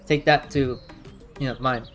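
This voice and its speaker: A man's voice: medium pitch, steady tone, a little slow, a bit bright, soft background music. A man giving unscripted, argumentative commentary in a blunt, rambling way. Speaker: reaction commentator.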